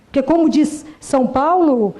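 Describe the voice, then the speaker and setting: A Brazilian woman doctor speaks about faith in an informal, earnest talk. Her voice sits high yet sounds mellow and soft-edged. She stretches out the words she wants to stress and speeds up, amused, when she tells a story. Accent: Brazilian Portuguese. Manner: earnest and warm, slowing to stress key words, brisk and amused when telling stories. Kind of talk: informal religious talk with personal anecdotes.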